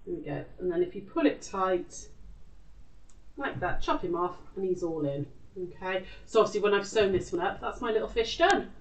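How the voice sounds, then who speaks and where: Animated and medium-pitched, a British woman in her forties speaks at normal speed while hosting a live craft demonstration as a tutor. She keeps it informal and chatty, sometimes talking to herself as she works. The indoor craft room sounds echoey through a distant mic.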